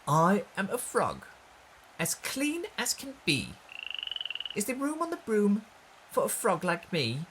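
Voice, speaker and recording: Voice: mid-range voice, huge pitch swings, takes it slowly, pauses often, a bit bright, a little hiss or hum, heavily acted, rough recording. A storybook narrator voicing a polite, eager little male frog in a children's tale. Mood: polite, hopeful.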